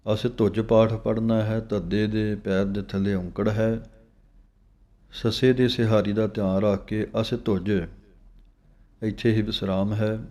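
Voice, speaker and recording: A man teaching scripture recitation. He chants verses slowly with pauses and gives plain spoken instructions on pronunciation. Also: fairly low pitch, level tone, dark tone.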